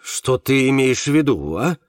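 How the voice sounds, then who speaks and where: A man's voice: medium pitch, big pitch swings, normal speed, no echo, studio quality, natural voice. A man reading a novel aloud, voicing a stubborn, loyal driver who insists on his point. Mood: insistent.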